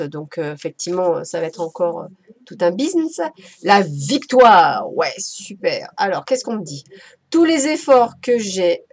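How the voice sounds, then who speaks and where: A woman's voice: medium pitch, a little mellow, dry recording. A woman giving a casual, playful oracle card reading as a medium, chatty and effusive. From France.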